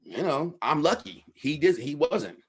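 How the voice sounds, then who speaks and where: Male speaker, middle-aged, from Los Angeles, husky voice, frank slangy storyteller at a lecture. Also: a little high, very animated, unhurried. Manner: candid, slangy storytelling with swearing. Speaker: guest speaker and researcher. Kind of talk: casual talk with audience Q&A.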